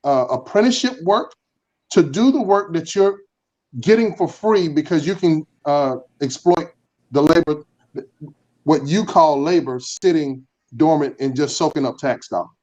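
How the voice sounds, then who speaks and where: Male panelist, earnest and halting, slightly high voice, dull video-call sound. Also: a little mellow. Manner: earnest, pausing with fillers and restarts. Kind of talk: virtual panel discussion.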